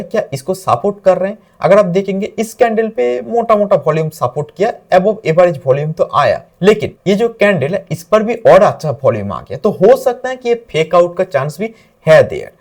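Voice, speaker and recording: A man teaching trading, walking through chart examples and mixing English terms into Hindi speech. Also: high voice. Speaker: trading instructor.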